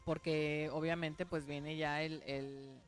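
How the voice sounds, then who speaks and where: A woman's voice: deep voice, flat delivery, takes it slowly. A woman pastor, giving a conversational radio sermon and testimony, earnest, often checking in with her listeners.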